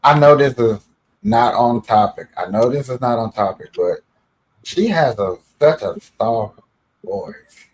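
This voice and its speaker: A husky-voiced man hosts a casual live stream, reacting to a video with slangy jokes and easy laughter. His pitch swings a lot as he talks. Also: lively intonation, measured pace, poor audio.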